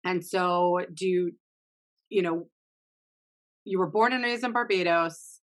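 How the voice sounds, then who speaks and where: Woman host, slightly low pitch, conversational, hedging questions, casual interview. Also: slow. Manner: conversational, many fillers and hedges.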